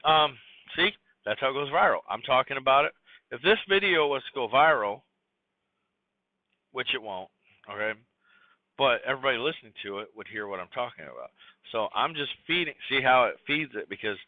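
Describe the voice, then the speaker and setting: A man's voice: mid-range voice, no echo. A man hosting a casual solo podcast, rambling and scattered with many fillers and restarts. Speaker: podcast host. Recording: tinny phone-like dry recording.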